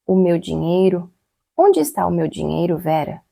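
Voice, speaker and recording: Brief: woman reading a distraught teen girl, pleading and broken-up, low gravelly tone. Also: very animated, moderate pace, mellow, no room sound, clean studio sound, full character voice. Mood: distressed. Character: distraught adopted teenage girl, tearful and accusing.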